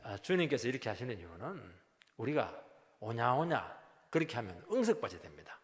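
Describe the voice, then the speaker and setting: A middle-aged male pastor preaching a sermon, animated and lively, acting out quoted voices with sudden jumps in pitch and loudness. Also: brisk. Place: church sanctuary. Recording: long hall reverb.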